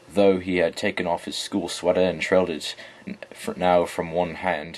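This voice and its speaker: A man's voice: low-pitched, slightly rough. A man reading a novel aloud in a put-on English accent, stumbling over words and correcting himself as he goes. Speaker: amateur reader. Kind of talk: audiobook reading.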